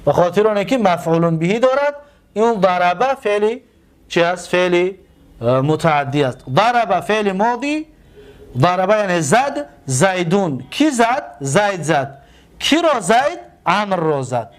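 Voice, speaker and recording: A man teaching an Arabic grammar lesson. He asks the class questions and answers them himself, and he draws out and repeats example words slowly. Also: high-pitched, very animated. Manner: slow drawn-out repetition of example words.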